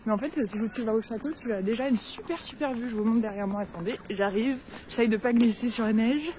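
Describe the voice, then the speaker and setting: Outdoors at a snowy castle and Christmas market, a young woman vlogs her travels, sampling market food and talking straight to her viewers in a chatty way full of fillers. Her voice is on the high side, a little fast, and a little mellow, with street noise in the background.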